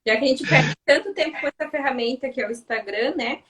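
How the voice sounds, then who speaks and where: Woman in her thirties, interview guest, soft-spoken chatty delivery, slightly higher voice, a bit off-mic. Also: fast talker, recorded from a distance, a little hiss or hum, low-quality recording. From Paraná, Brazil. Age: 30s. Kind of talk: casual interview chat.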